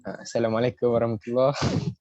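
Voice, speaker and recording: A teenage boy from Perlis introducing himself haltingly on a video call. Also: medium pitch, little pitch movement, darkish tone, no echo, muffled recording. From Perlis, Malaysia. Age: teens. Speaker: student participant.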